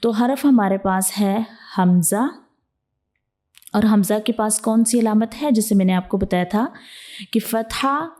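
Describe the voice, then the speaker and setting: A woman teacher walks her students through a lesson in a calm, step-by-step way. Her voice is mellow and warm, sits at a middle pitch, and keeps returning to check that they follow. She slips English words into her explanations. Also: unhurried. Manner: patient, repetitive explaining with frequent "theek hai" check-ins; mixes English words into Urdu teaching talk. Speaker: Quran reading teacher.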